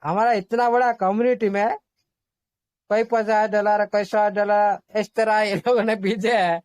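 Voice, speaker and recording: A man's voice: high-pitched, little pitch movement, measured pace, darkish tone, no room sound. A man hosting an online group meeting, explaining casually, repeating himself and reassuring the listeners while mixing in English terms.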